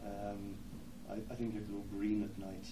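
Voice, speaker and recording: Irish male poet, lowish voice, hesitant asides, slow verse; distant mic, roomy hall, audible noise. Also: flat delivery. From Ireland. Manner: hesitant, many ums between phrases, slow deliberate verse. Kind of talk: poetry reading with spoken introductions. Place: lecture hall with an audience.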